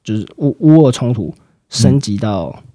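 A man explaining market outlooks in a fast, explanatory way, with frequent fillers and sentence-final particles. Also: fairly low pitch, very animated, warm tone, no echo, studio quality. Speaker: market analyst guest. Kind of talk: financial commentary chat.

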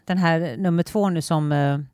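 A woman's voice: sits low, a little mellow, clean tone, no room sound, studio quality. A woman in her fifties with a Gothenburg Swedish accent, chatting casually and telling stories with frequent laughter and casual swearing. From Sweden. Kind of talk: casual chat.

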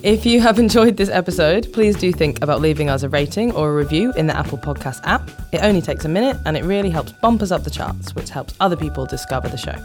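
A woman's voice: sits low, expressive, quick pace, few pauses, music in the background. A woman hosting a podcast, upbeat and enthusiastic as she wraps up the episode and thanks her guests. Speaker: podcast host. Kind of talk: casual podcast chat.

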